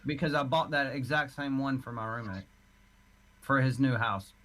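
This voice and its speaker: A man chatting casually on a group call and making deadpan, mock-serious jokes. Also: mid-range voice, normal speed, rough recording.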